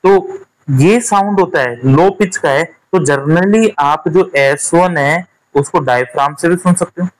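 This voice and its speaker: A man teaching a nursing exam lesson, putting quick questions to his students and checking that they follow. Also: on the high side, rough recording. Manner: repeats points as quick quiz questions to students; keeps checking with "theek hai" and "clear hua". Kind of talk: classroom-style lecture.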